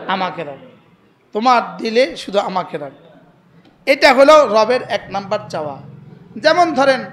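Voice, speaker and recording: High-voiced Bangladeshi preacher, call-and-response. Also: male voice. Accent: Noakhali. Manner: call-and-response, asks crowd to repeat, tells anecdotes. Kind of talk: sermon.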